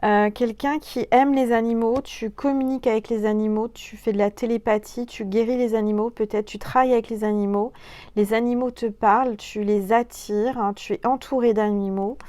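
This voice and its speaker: A woman's voice: on the high side, steady tone, moderate pace, warm tone, no echo. Chatty woman reading oracle cards. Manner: chatty, hesitant, many fillers, addresses viewer directly. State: coughing, throat irritated. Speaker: tarot and oracle card reader. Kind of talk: casual spiritual card reading to camera. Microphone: phone.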